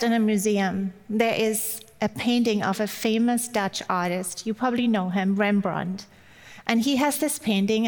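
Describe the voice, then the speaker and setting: Long hall reverb colors this Mother's Day sermon from a guest speaker, a woman in her forties from Germany. Her medium-pitched voice carries a German accent, and her delivery is chatty and encouraging.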